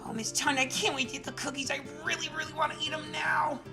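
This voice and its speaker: A woman's voice: high-pitched, fairly even intonation, quick pace, creaky, over music. A woman playing an eager, impatient childlike sidekick in a children's show, with broad singsong theatrical delivery.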